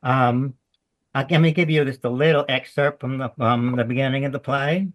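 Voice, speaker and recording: A man's voice: mid-range voice, fairly even intonation, normal speed. A man with a Southern US accent, a playwright chatting in an interview, rambling in a folksy way as he tells stories. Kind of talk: casual interview chat.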